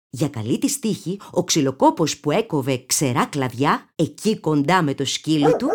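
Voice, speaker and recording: A woman narrating a children's storybook in an expressive, animated storytelling manner. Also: lowish voice, slight background noise.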